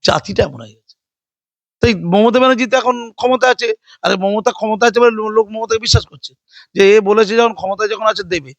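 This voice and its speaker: A man's voice: high-pitched, fast, no room sound, muffled recording. An older man giving a heated political interview, combative and sarcastic, rambling and mocking with repeated phrases.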